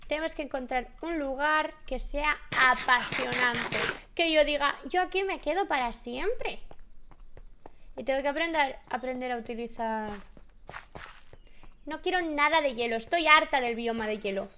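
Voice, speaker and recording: A woman's voice: moderate pace, background noise. Chatty young Spanish woman gaming. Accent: Spanish from Spain. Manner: chatty, addresses viewers as family, sudden high shrieks. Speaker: gaming YouTuber. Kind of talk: Minecraft let's play commentary. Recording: game music behind the voice.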